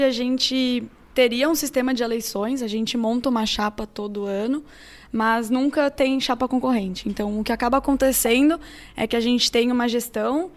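A woman of twenty-one, a student council president, answering interview questions in a relaxed, explaining way. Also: fairly high pitch. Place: room shared with others.

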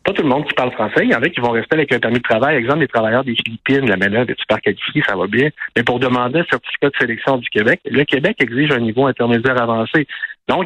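Fast-talking Quebec French man. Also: mid-range voice, fairly bright tone, dry recording, low-quality recording. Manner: conversational, explanatory, with concrete examples. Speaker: immigration specialist interviewed as a guest. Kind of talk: radio interview, explaining and arguing.

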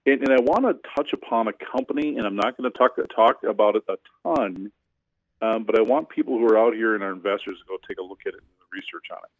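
A financial advisor who is a regular guest calls into a radio show by phone from a cabin in the woods. His voice is lowish and quick, and he talks casually, rambling with many hesitations. The recording is dry and has the sound of a phone or internet call.

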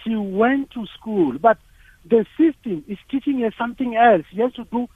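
A man's voice: very high voice, normal speed, no echo. A South African man, a native Sepedi speaker, calling a radio show by phone and arguing insistently, repeating phrases for emphasis. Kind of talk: opinionated phone-in argument. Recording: rough, narrow phone line.

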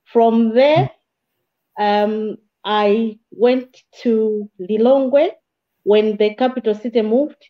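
A woman from Malawi, a guest in an interview, telling her life story in a measured, plain way with small restarts. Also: a little high, steady tone. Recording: slightly dull, muffled audio.

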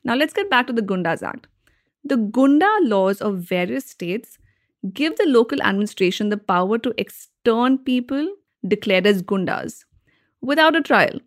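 A woman podcast host with an Indian accent and a fairly high voice. She delivers scripted explanations conversationally, dropping in wry asides and rhetorical questions. The sound is dry, with very little room echo. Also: big pitch swings, normal speed.

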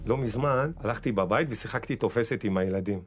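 A man in his forties telling comic personal stories in an animated way, acting out the dialogue. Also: lowish voice. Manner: animated, exclaiming, acts out dialogue. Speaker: storyteller.

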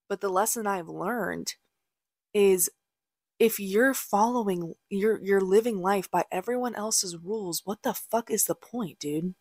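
A woman's voice: mid-range voice, darkish tone, dry recording, studio quality. A young adult woman hosting a podcast, giving casual spiritual advice in a candid, blunt way, swearing freely and using many fillers. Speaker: podcast host.

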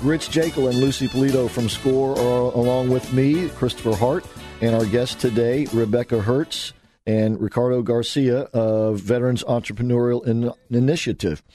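A man hosting a radio talk show, interviewing guests in a halting, restarting way. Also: mid-range voice, steady tone, mellow, soft background music.

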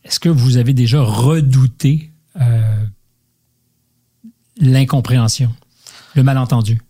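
Male interviewer, warm and slightly raspy, formal and deliberate. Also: mid-range voice, fairly even intonation. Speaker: interviewer, podcast host. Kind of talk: measured interview questions.

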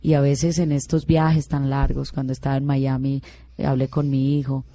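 A woman's voice: very deep voice, little pitch movement, moderate pace, dark tone. A middle-aged woman, a singer, telling personal stories earnestly in an interview. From Colombia. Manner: earnest, emotional storytelling with many restarts. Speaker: guest singer.

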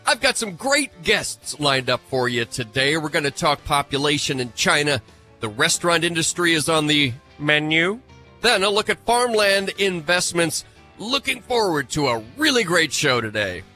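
Male fill-in radio host, congested and nasal, chatty and self-deprecating, bright tone, faint music bed. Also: a little high, big pitch swings, moderate pace. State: nasal from a cold. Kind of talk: live farm radio show.

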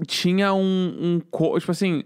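A man, co-hosting a podcast and telling a rambling, animated story in casual chat. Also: sits high, measured pace, clean tone, no room sound, studio quality. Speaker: podcast co-host.

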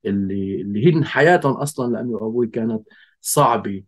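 A man with a Levantine Arabic accent telling a personal story in conversation, in a reflective, halting way with pauses and trailing phrases. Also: lowish voice. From Golan Heights. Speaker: interview guest.

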